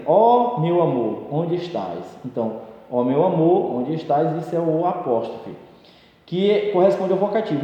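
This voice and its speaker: Male teacher, fairly high mellow voice, exam-prep grammar lesson, loose filler-heavy explaining, echoey room with long reverb. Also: highs cut off. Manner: explains with examples, frequent fillers like "então" and "né".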